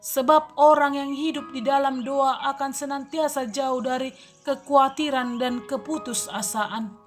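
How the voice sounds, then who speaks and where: High-voiced woman preaching a devotional. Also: a little slow, soft background music. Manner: calm, earnest preaching address. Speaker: deaconess. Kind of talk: daily devotional sermon.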